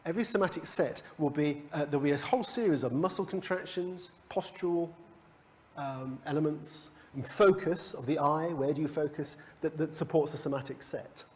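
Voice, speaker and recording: A man's voice: fairly high pitch, moderate pace, a little mellow. Man leading a workshop in a hall. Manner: conversational, with frequent restarts and chuckles. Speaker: coaching workshop leader. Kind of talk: live workshop teaching. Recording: long hall reverb.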